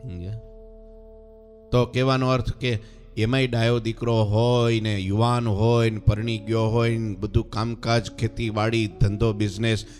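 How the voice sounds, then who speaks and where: A man's voice: fairly low pitch, flat delivery, unhurried, darkish tone, faint music behind. A man who is a swami preacher, telling a devotional story as a sermon and often asking his listeners rhetorical questions.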